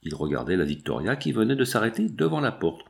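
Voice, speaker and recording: A man narrating a novel in an expressive storytelling manner. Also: lowish voice, quick pace, creaky. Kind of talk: audiobook narration.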